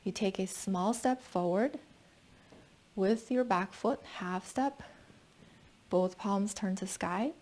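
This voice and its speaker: A woman's voice: medium pitch, slow pace, long pauses, darkish tone. A woman teaching tai chi, explaining and guiding each movement step by step with instructional cues.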